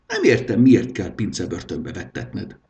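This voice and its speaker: A man's voice: lowish voice, wildly swooping pitch, vocal fry, a little mellow, heavily acted. A man voicing a timid, earnest male servant in a storybook reading.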